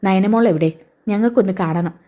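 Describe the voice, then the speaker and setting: Kind old grandpa, calm and reassuring, woman reading it, warm low-key voice. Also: brisk, close to an everyday voice. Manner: gentle, reassuring.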